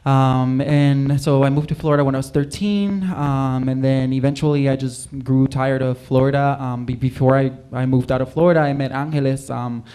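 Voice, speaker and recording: A man's voice: medium pitch, fairly even intonation, normal speed, hardly any pauses, mellow, clear, resonant tone. A young man from Puerto Rico, a singer, chatting casually as a guest in a livestream interview, rambling with many fillers. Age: young adult.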